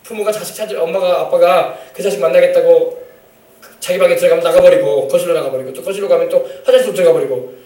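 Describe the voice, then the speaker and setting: Preaching a sermon in a church sanctuary, a male pastor talks fast with a bright, high voice. He drives home his points, addresses the congregation directly and plays out family scenes, picked up echoey by a mic set some distance away.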